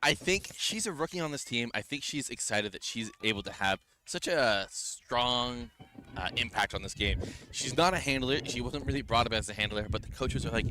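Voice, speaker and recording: A man giving casual, chatty color commentary outdoors, with a self-deprecating manner. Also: medium pitch. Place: outdoors at a windy field. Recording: light wind noise.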